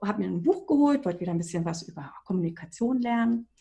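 A woman in her forties, working as a coach, tells her own story with lively emphasis. She talks as a guest in a podcast interview and leans into each point. Her pitch sits in an ordinary middle range. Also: quick pace, gravelly. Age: 40s.

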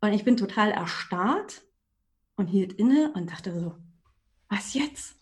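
Speaking a little slowly in a medium-pitched voice, a woman in her forties shares her own story on a podcast. She works as a coach and trainer, and her telling is lively and emphatic.

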